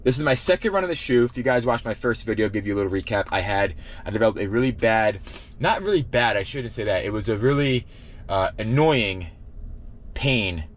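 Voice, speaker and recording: A man's voice: lowish voice, slight background noise. A man giving an informal vlog recap, often correcting himself as he explains. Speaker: running vlogger and shoe reviewer. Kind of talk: casual workout recap to camera.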